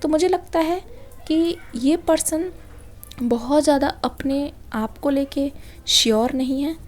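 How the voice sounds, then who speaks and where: High-voiced woman giving a tarot reading. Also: slow. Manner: explains patiently, repeating a reassuring filler again and again. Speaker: tarot reader.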